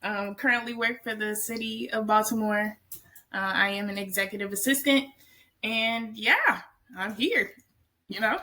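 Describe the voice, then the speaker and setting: A woman in her early twenties, a podcast guest, talking casually in a relaxed, friendly way. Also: mid-range voice, measured pace. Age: 20s. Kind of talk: casual conversation.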